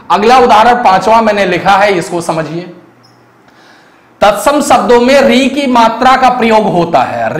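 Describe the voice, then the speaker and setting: A man's voice: high-pitched, fairly bright tone. A man teaching a Hindi exam-prep lesson, explaining step by step and asking the viewers rhetorical questions. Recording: echoey room.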